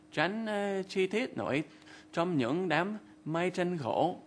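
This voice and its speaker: Slow, measured male vocabulary presenter. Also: a little high, fairly bright tone. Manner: explains each word and translates example sentences. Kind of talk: scripted narration, bilingual explanation.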